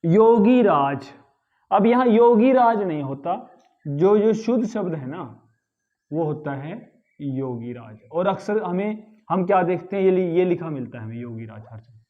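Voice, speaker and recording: A high-pitched man gives a grammar lesson, stretching out words one at a time to show how they should be said. He keeps asking whether his listeners have followed. The recording sounds slightly dull and lo-fi. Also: expressive. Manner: repeats words slowly to correct pronunciation, asks "ठीक है?". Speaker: Hindi grammar teacher. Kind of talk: spoken lesson.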